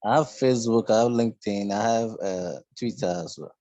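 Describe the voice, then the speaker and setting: A man from Ghana asking a question on an online workshop call, speaking in a hesitant, halting way. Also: lowish voice, dark tone, no echo, muffled recording. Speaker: workshop participant.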